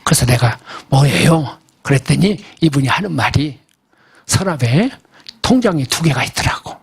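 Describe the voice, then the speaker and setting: An older male pastor preaches in a church service, telling a story in a folksy, emphatic way. His voice is high for a man and rises and falls in wide, animated swings, with a husky edge. He keeps turning to the congregation with questions. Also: normal speed. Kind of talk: sermon storytelling.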